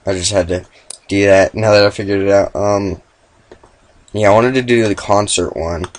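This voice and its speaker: A young man with the hiccups giving casual gameplay commentary, mumbling asides and then yelling and swearing when things go wrong. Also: lowish voice, steady tone, normal speed, rough recording. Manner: swings from mumbled asides to sudden swearing shouts. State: has the hiccups.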